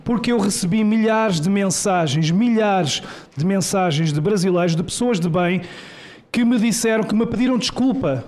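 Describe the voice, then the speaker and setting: A man's voice: high-pitched, normal speed, darkish tone. A man from Portugal with a European Portuguese accent, reading a prepared statement at a public hearing in an emphatic, rhetorical, indignant way. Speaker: journalist giving testimony. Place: senate hearing room.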